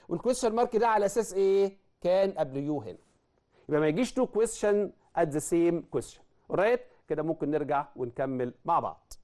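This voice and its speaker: High-voiced Egyptian teacher drilling grammar. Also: male voice, a little mellow. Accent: Egyptian Arabic. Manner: asks himself questions and answers them, spells out example words slowly. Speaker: English teacher. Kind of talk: recorded classroom grammar lesson.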